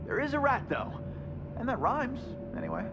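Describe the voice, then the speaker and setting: A man's voice: very high voice, wildly swooping pitch, moderate pace, lo-fi sound, exaggerated voice. A man voicing a young, flippant, wisecracking superhero in a video game. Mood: wry. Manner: flippant, quipping. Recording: echoey, loud music behind.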